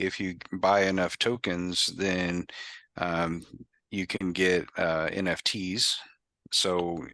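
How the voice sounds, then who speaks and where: A man's voice: deep voice, pushed and bright, no room sound. A man hosting a casual group video call, talking in a rambling way with many fillers and restarts. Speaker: host.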